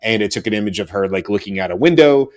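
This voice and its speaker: A man's voice: fairly low pitch, lively intonation, quick pace. A middle-aged man co-hosting a panel show, chatting casually with many fillers and restarts. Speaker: co-host.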